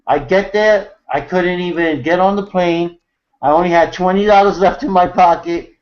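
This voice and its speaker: A man with a high, light voice tells a long story in loose, casual talk, stopping and restarting often. His voice comes through a video call with muffled, lo-fi sound. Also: normal speed. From New York City, USA. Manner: rambling, many fillers and restarts. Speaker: host of an online hangout.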